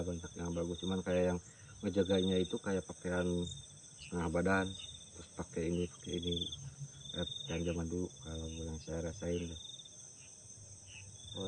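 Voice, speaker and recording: A man with a Sundanese accent hosts a night exploration outdoors. His voice sits very low and his delivery is halting and conversational. Loud insects and crickets fill the recording around him. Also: distant mic, noisy background. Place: outdoors at a shrine cemetery at night.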